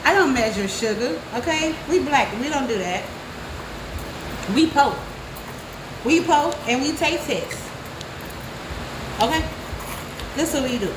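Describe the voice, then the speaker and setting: A woman's voice: sits high, lively intonation, unhurried, pauses often. A young woman, chatting to viewers in a casual cooking vlog, recorded on a phone at arm's length in a home kitchen. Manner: chatty, talks straight to viewers. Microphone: phone held at arm's length. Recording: echoey kitchen, background noise.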